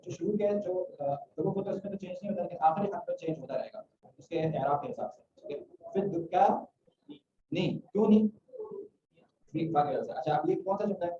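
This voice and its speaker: A man's voice: sits high, fairly quick, mellow, a little hiss or hum. A man teaching an Arabic grammar class, quizzing students and often checking "theek hai?". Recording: roomy, muffled classroom audio from a distant mic.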